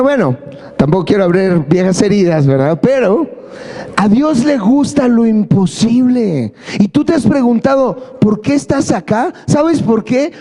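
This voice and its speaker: High-voiced pastor, playful sermon. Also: male voice, darkish tone. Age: adult. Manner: playful, asks the congregation for amens. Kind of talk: lively sermon. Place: church service.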